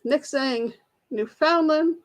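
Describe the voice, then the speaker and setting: Slow, chatty woman hosting trivia. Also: sits high. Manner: reads questions aloud, greets and answers chat viewers, laughs at herself. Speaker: trivia livestream host. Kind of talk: casual live-chat trivia quiz.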